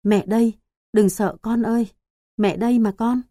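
A woman voicing a young mother who gently hushes her frightened child, in an audiobook story. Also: fairly high pitch, fairly even intonation, moderate pace, no room sound, studio quality, voice pushed up, natural voice. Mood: soothing. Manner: gentle, hushing lullaby tone.

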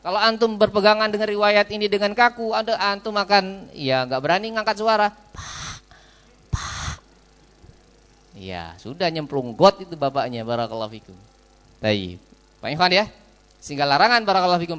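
A man's voice: sits high, fairly bright tone. A man giving a study lecture in a mosque, repeating a blessing phrase between sentences and asking and answering his own questions. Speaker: Islamic teacher. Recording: long reverb of a mosque hall.

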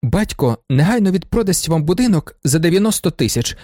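A man's voice: fairly high pitch, big pitch swings, fairly quick, mellow, no room sound, studio quality, voice pushed up. A man voicing a proud young man who speaks formally with tight, pointed control in a storybook reading. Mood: stiff. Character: proud, tense young man standing up for his father.

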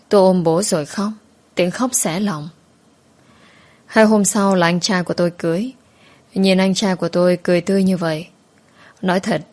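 A woman telling an emotional first-person story and reading every character's lines herself. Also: fairly low pitch. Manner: emotional, shifts between narration and dialogue.

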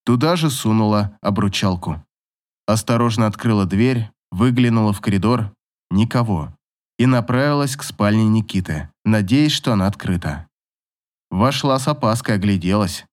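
A man reading a novel aloud in scripted, expressive narration. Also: lowish voice, moderate pace. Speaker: audiobook narrator.

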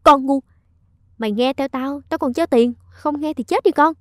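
A woman's voice: mid-range voice, animated, fast talker, mellow, no echo, clean studio sound, natural voice. A woman doing a harsh, bossy older matriarch. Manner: bossy, scolding. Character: harsh domineering older mother-in-law.

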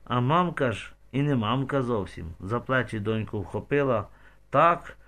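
A man's voice: mid-range voice, lively intonation, measured pace, fairly bright tone. Man narrating a dramatic audiobook. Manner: dramatic storytelling.

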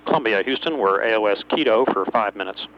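A man's voice: fairly low pitch, animated, fast. A man working as a capsule communicator, making procedural, slightly hesitant radio calls to a spacecraft over a dull channel. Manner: procedural, hesitant between phrases. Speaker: capsule communicator at ground control. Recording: dull radio channel with faint noise and hum.

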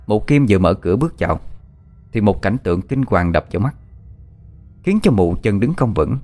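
Male horror-story narrator, slow and measured delivery, low voice, faint music under him. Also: very animated, a little mellow.

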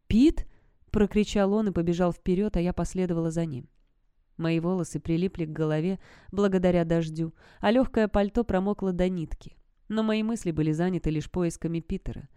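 A woman's voice: lowish voice, fairly even intonation, fairly quick, dark tone, smooth, dry recording. Woman reading a suspenseful audiobook. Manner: tense, suspenseful storytelling. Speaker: audiobook narrator. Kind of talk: first-person dramatic audiobook reading.

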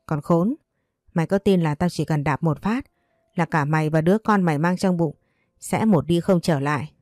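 A woman's voice: low-pitched, normal speed, a little mellow, no room sound, clean studio sound, lightly acted. A woman doing a spiteful, bullying young wife. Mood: scornful. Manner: rude, insulting, contemptuous.

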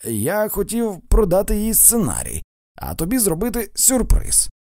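A man's voice: mid-range voice, wildly swooping pitch, moderate pace, darkish tone, dry recording, clean studio sound. A man voicing a meek young husband who talks earnestly and stammers. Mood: pleading.

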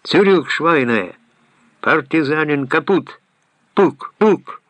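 A man's voice: fairly low pitch, steady tone, moderate pace, fairly bright tone, no echo, natural voice. A man voicing a nervous, jumpy male friend in an audiobook, speaking in a raised, anxious, pleading way. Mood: mock shouting. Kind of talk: audiobook character voice.

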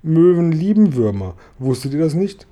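A man reading a storybook aloud, voicing a calm, earnest young boy in a lifted voice. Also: fairly high pitch, moderate pace, voice pushed up. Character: young boy, quiet and thoughtful. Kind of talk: audiobook reading.

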